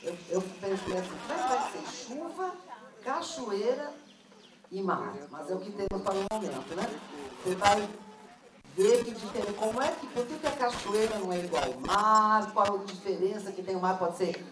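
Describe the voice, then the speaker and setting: A teacher trainer runs a workshop for teachers, firing questions at the audience in a lively way. Her mid-range voice moves at normal speed. The recording sounds roomy and noisy, picked up from a distant mic.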